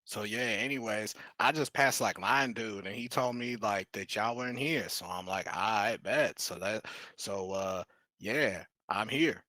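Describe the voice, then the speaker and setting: A man's voice: on the low side, measured pace, sharp tone, no room sound. A man voicing a brash young male goblin sorcerer who talks in swaggering, profane street slang during a tabletop game. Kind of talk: tabletop role-play in character.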